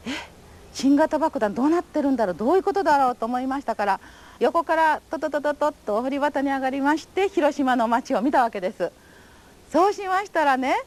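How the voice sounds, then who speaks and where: A high, somewhat mellow voice belongs to an older Japanese woman who survived the atomic bomb. In a recorded testimony interview, she relates her memories with polite, formal, vivid storytelling.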